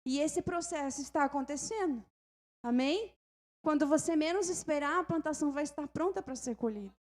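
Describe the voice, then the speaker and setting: A woman pastor with a Brazilian Portuguese accent preaching a fervent sermon, moving from calm storytelling to loud exhortation and often calling out to the congregation. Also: sits high, brisk.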